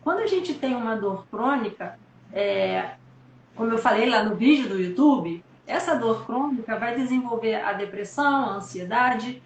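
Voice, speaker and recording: A woman's voice: a little high, animated, normal speed, reverberant, slight background noise. A woman doctor hosting a live-stream conversation, speaking in a reflective, encouraging way.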